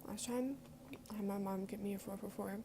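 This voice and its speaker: A woman's voice: medium pitch, steady tone, a little fast, background noise. A young woman vlogging a casual mukbang at home, chatty and swearing freely while she eats. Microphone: headphones with mic.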